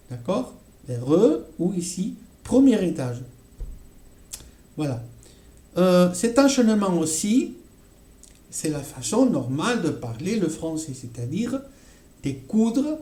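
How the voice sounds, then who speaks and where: A man teaching a French lesson, often checking in with his listeners and repeating example phrases slowly. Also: fairly high pitch, mellow, reverberant. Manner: frequent check-ins with "d'accord?" and "voilà". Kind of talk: explaining a grammar lesson.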